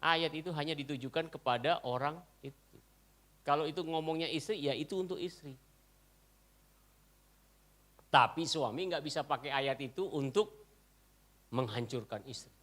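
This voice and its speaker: Bright-voiced Manado pastor, joking and preaching. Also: male voice, a little high, normal speed. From Indonesia. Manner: joking, swings from loud preaching to quiet asides. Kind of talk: sermon. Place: church service.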